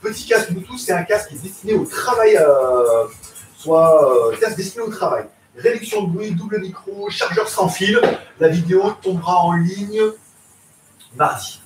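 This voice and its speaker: A man's voice: high voice, animated, normal speed, soft background music. A man hosting a live tech podcast, talking casually in loose slang with lots of fillers. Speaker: podcast host. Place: home in Thailand. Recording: echoey room, distant mic, faint hiss.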